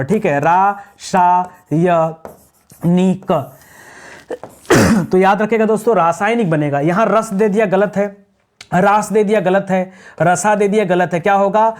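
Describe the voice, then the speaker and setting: A man teaching an exam revision class, explaining correct spellings and drilling answers with repeated rhetorical questions. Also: high voice. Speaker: Hindi grammar teacher.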